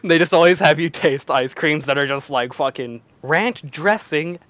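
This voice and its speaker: A man's voice: on the high side, normal speed, a bit bright, no room sound, highs cut off. A man co-hosting a podcast, dry and teasing, swearing in casual group chat. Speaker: podcast co-host.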